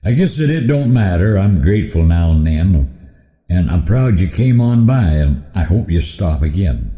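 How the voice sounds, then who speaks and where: A man's voice: sits low, very animated, moderate pace, warm tone. A man voicing a proud, forgetful old rancher in a cowboy poem, with a folksy drawl. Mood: proud, rambling. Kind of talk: rhymed cowboy poem dialogue. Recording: roomy echoing hall.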